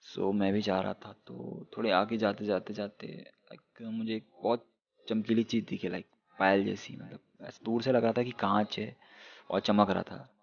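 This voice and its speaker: A man's voice: on the low side, steady tone, measured pace, gravelly, highs cut off. A young man telling a true horror story in a casual, chatty way, speaking straight to his viewers with lots of English fillers.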